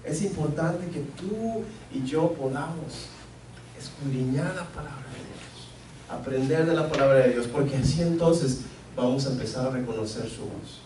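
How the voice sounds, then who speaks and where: A man's voice: mid-range voice, unhurried, background noise. A man from Mexico preaching a sermon as pastor, earnest and repeating key phrases for emphasis. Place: church sanctuary. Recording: echoey church, mic at a distance.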